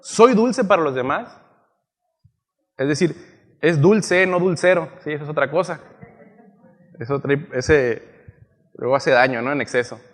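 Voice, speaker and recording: A man's voice: a little high, a little slow, pauses often. Man preaching in a reverberant hall. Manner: teaching, asks frequent "¿sí?" checks. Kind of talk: sermon. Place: church hall. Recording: long church hall reverb.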